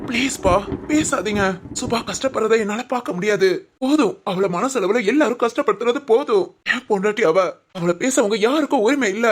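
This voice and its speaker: A woman voicing a young husband who firmly defends his wife in an animated family drama. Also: on the high side, brisk, breathy edge. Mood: pleading. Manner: firm, pleading.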